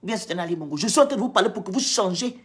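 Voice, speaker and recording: A woman's voice: medium pitch, lively intonation, rapid-fire. A woman from Gabon, scolding and lecturing her viewers in a heated, repetitive live-stream rant.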